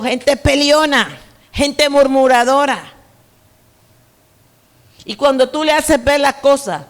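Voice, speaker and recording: A woman preacher from Colombia with a coastal Colombian accent, giving an emphatic, conversational sermon full of personal stories. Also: a little high. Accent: Colombian Caribbean coast. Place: church hall. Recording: reverberant church hall.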